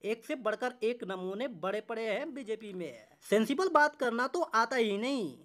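A woman reading out social media posts in a slow, even way. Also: fairly high pitch.

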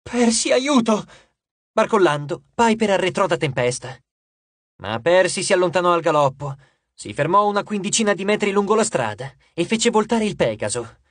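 A man narrating an audiobook with expressive, dramatic storytelling, recorded on a studio microphone in a booth. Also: high-pitched, normal speed, dry recording.

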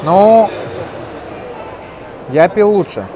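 A man's voice: sits high, expressive, very slow, dull audio. A man interviewing exhibitors at a trade expo, chatting casually and joking, with hesitant fillers. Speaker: video blogger at a trade expo. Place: crowded indoor expo hall. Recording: loud crowd noise behind.

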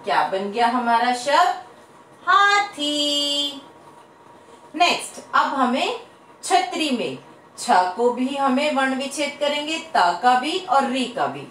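A fairly high-voiced woman teacher leads young children through a lesson, stretching each word out slowly. She quizzes the class in a lively sing-song. The recording is roomy, with her voice set back from the mic. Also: slight background noise. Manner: drawn-out sing-song word drills, asks questions to pupils. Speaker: primary school teacher. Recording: echoey room, voice from a distance.

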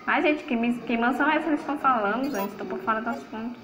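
A Brazilian woman giving live gameplay commentary, excitable, laughing often and chattering to her viewers and the game. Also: a little high, racing, noisy background. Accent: Brazilian Portuguese. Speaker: livestreamer. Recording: roomy echo with game music.

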